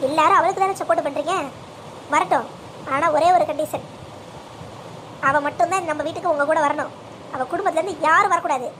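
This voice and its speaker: Cartoon mother, furious and bitter, voiced by a woman; high, fast, demanding, noisy track. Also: fairly bright tone. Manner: bitter, accusing, issues demands. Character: furious betrayed mother, middle-aged woman.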